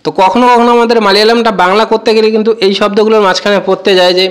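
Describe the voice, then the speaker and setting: A man giving a casual spoken language lesson, repeating each word slowly and addressing viewers as friends. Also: high voice, flat delivery, clean tone. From Bengal. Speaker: language teacher.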